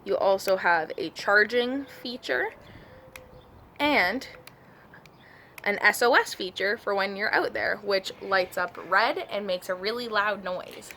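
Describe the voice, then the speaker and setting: A product reviewer gives a casual, chatty hands-on demo, speaking informally and correcting herself as she goes. Her mid-range voice is slow and sharp in tone, with slight background noise.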